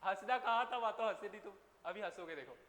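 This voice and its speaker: In a large, echoey classroom with faint room noise, a man teaches biology in a high-pitched, fairly bright voice, talking fast. He's chatty and teases his students as he tells a story during the lecture.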